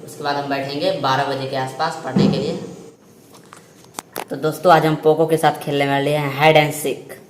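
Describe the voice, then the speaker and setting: A man's voice: a little high, flat delivery, normal speed, background noise. A young man chatting casually through a vlog while walking his dog and studying, often repeating words as he calls the dog along. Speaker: vlogger. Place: outdoors on wet streets and at home.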